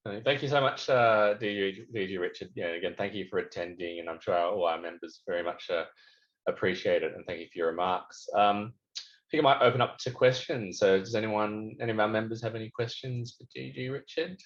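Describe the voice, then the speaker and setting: A man's voice: fairly low pitch, brisk, muffled recording. A man hosting a club meeting who politely thanks the speaker and opens the floor to questions.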